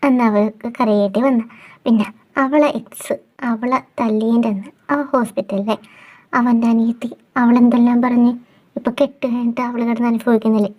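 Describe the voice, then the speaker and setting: A woman acting out a fan audio drama, chatty and animated, coaxing and scolding as she voices the friends' talk. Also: fairly high pitch. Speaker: storyteller voicing all parts.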